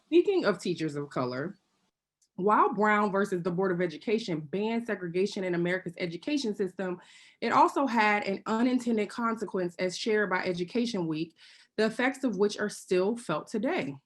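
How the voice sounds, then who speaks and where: A woman speaking as a panelist on a video call, delivering prepared remarks. Her tone is earnest and pointed, broken by wry asides, and she sometimes pauses to clear her throat. Her voice sits at a middle pitch. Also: animated. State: occasionally choking and clearing throat.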